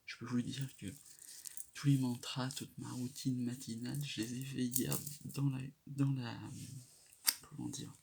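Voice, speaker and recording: A man giving a quiet, whispered late-night tarot reading in a hushed, gravelly voice. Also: medium pitch, unhurried. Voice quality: gravelly, creaky. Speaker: tarot card reader. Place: indoors at night. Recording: noisy amateur live recording with clicks.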